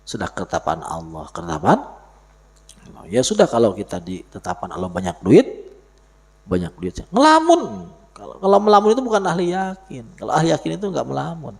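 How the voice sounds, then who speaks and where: A man's voice: mid-range voice, huge pitch swings, a little fast, gravelly, darkish tone. A man giving a sermon, explaining Arabic text in plain speech and joking along the way. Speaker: religious teacher. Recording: live audio stream.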